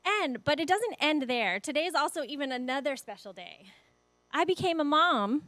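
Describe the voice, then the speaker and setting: A woman's voice: sits high, lively intonation, normal speed, fairly bright tone, dry recording. A woman in her forties giving a sermon in a church, telling personal stories in an emotional way and laughing often. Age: 40s. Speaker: guest speaker. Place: church sanctuary.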